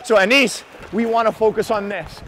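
On a noisy indoor rink, a hockey coach yells out drills and on-ice instructions. His voice sits high and is fairly bright, with fairly even intonation and a moderate pace, as he repeats urgent, encouraging commands.

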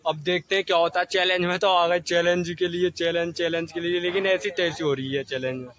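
High bright young man in night woods. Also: steady tone, fairly quick. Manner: nervous, hushed, addressing viewers. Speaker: vlogger. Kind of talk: night-time ghost challenge vlog. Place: dark woods outdoors at night. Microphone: handheld phone.

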